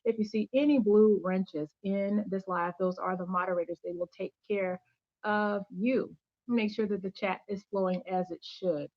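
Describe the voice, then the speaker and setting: A woman's voice: mid-range voice, fairly even intonation, moderate pace, dry recording, muffled recording. A woman hosting a casual faith-based livestream from home, chatty and upbeat, greeting viewers by name and thanking them. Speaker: channel host giving faith-based teaching.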